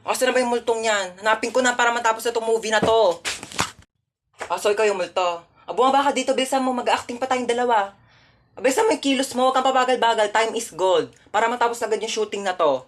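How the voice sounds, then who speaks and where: A woman's voice: on the high side, fast talker. Sassy Filipina woman doing comic skits. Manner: playful, sassy, rambling monologues. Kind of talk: comedic skits.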